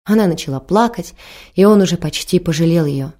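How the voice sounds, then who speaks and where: Low, mellow woman reading a story. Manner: calm, measured storytelling. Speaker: narrator. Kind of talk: scripted audiobook narration.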